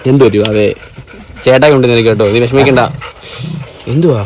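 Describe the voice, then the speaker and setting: A man's voice: mid-range voice, fairly quick, darkish tone, a little hiss or hum. A man vlogging casually, teasing and chatting to his pet dog.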